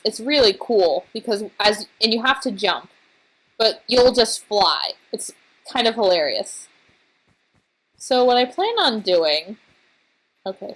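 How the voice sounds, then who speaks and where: A woman casually commenting on her own gameplay, tired and recovering from being sick, rambling and halting as she trails off and restarts her thoughts. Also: fairly high pitch, poor audio. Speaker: let's play host.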